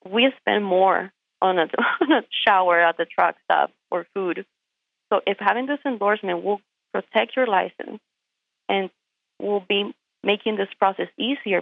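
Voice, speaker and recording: A creaky, mid-range female voice comes through a tinny phone line. The speaker, a Puerto Rican truck driver whose first language is Spanish, is an interview guest. She pushes her point directly and with force, regularly posing rhetorical questions.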